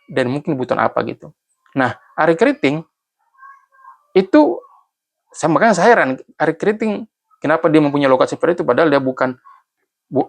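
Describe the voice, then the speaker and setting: A man from Central Sulawesi in Indonesia, an author casually talking through his essay and thinking aloud, often pausing and restarting. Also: on the high side, vocal fry. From Banggai Laut, Central Sulawesi, Indonesia. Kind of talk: casual spoken commentary.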